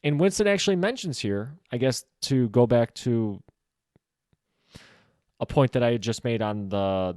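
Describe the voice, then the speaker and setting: A man's voice: mid-range voice, darkish tone, no room sound, clean studio sound. A man hosting a solo podcast, casually discussing a novel, thinking aloud with frequent filler words.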